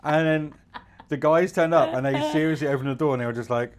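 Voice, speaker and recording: A man co-hosting a casual podcast at home, telling stories in an animated, joking way. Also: medium pitch, racing. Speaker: podcast co-host. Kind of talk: casual chat. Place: home in the UAE.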